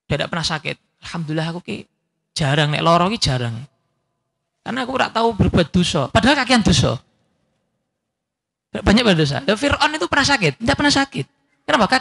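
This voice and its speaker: A middle-aged man with a Javanese accent preaching a sermon, lively and teasing, often asking his listeners questions. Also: high-pitched, vocal fry. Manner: mixes Javascript-free Javanese phrases, lively and teasing, asks the audience questions. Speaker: Islamic preacher.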